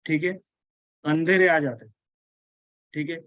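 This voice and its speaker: A man's voice: a little high, fairly even intonation, slow, a bit bright, clear, resonant tone, no echo. A man giving an earnest spiritual lecture, repeating himself and checking that his listeners follow. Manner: repetitive, keeps checking in with listeners; earnest, insistent. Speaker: spiritual teacher. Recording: dull, lo-fi, dry sound.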